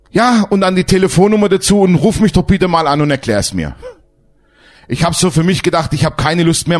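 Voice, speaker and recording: Animated German pastor preaching. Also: male voice, high voice. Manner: animated, emphatic preaching with rhetorical questions to the congregation. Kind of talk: sermon.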